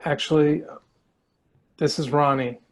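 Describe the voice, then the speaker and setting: A man playing an easygoing, slightly awkward high school boy, mild and hesitant, in a play reading. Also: steady tone, a little slow.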